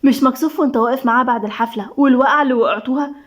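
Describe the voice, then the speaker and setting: A woman's voice: high voice, very fast. A woman voicing a tense, sarcastic older coworker with an Egyptian Arabic accent in a storybook reading. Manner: snappish, sarcastic. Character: sharp-tongued older woman, wary and tense.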